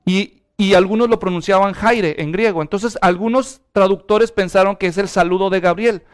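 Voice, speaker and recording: A man preaching an animated sermon and calling on the congregation to answer aloud. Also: high-pitched, moderate pace, smooth. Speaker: pastor.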